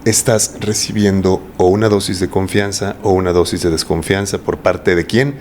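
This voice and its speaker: A reflective man with a Mexican accent and a fairly low voice, talking things through in a relaxed interview. A faint hiss sits behind him, and he often pauses to ask his listener rhetorical questions. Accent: Mexican Spanish. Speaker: voice coach guest. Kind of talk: casual podcast interview.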